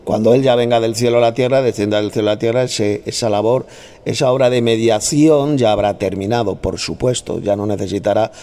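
A gravelly man with a low voice teaches scripture in a combative, scolding way. He repeats his points and mocks his opponents with sharp insults. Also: steady tone, a little fast. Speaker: Bible teacher. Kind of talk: heated Bible study debate.

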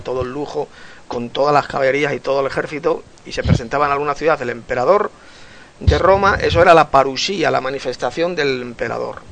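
A man's voice: mid-range voice, vocal fry, fairly bright tone, slight background noise. A man leading a Bible study, explaining passages earnestly and repeating key words for emphasis. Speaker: Bible teacher.

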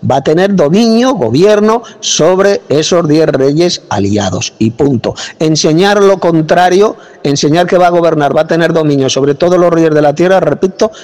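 A man from preaching in a forceful, scolding way, speaking with authority into a phone. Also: fairly high pitch, long reverb tail. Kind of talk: combative preaching monologue. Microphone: phone mic.

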